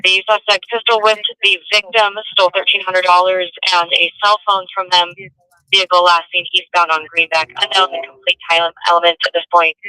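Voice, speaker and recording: A man dispatching over a police radio scanner, reading out an alert in a steady, clipped way. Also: high voice, fairly quick, clean tone, no room sound, rough recording.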